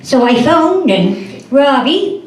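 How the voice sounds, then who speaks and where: A woman on a comedy club stage, telling homespun stories at an unhurried pace. Her pitch rises and falls as she acts out both sides of a conversation. The sound is roomy and picked up from a distance, with faint ambience behind her. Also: sing-song. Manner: folksy anecdotes acted out in quoted dialogue. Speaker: stand-up comedian. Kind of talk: stand-up storytelling.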